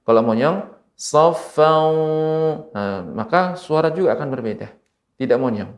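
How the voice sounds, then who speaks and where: A man from Indonesia teaching Quran recitation rules on television, speaking slowly and patiently and repeating each example word. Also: medium pitch, expressive. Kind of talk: televised tajwid lesson. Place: TV studio.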